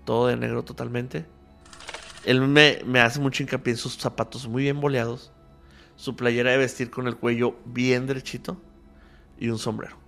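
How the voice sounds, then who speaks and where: Gravelly Mexican man telling a story. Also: mid-range voice, level tone, moderate pace, fairly bright tone, soft background music. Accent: Mexican Spanish. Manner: acts out both sides of remembered dialogue. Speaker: podcast guest telling a story. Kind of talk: casual storytelling in a podcast chat.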